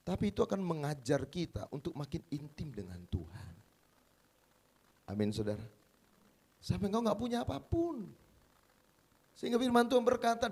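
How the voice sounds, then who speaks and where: Emphatic male pastor preaching. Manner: emphatic, swinging from loud high exclamations to quiet confiding talk. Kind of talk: sermon. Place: church service.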